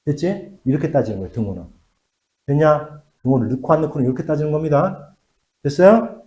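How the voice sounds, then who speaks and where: A man's voice: fairly high pitch, a little fast, roomy sound, highs cut off. A middle-aged man teaching a math class, checking in with questions and muttering as he works at the board. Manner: lively, asks checking questions, drops to mutters while writing. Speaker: math tutor.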